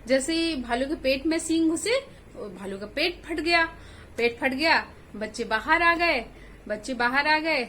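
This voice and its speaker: A woman's voice: high voice, fairly bright tone, a little hiss or hum. A woman narrating a children's story in a simple, chatty way, speaking directly to young listeners. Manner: simple, chatty telling to kids.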